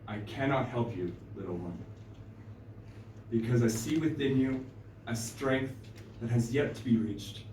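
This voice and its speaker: Man playing a wise eagle mentor; hushed, grave, very slow lines, roomy stage sound. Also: medium pitch, slight background noise, close to an everyday voice. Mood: solemn. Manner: quiet, grave, measured. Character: wise, solemn male eagle. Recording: roomy live stage, distant mic.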